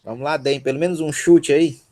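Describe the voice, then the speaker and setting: A man's voice: on the high side, fairly even intonation, a little fast, a little mellow. A man with a Brazilian Portuguese accent teaching Greek syllable by syllable in an online workshop, patient and encouraging, checking in with his students often.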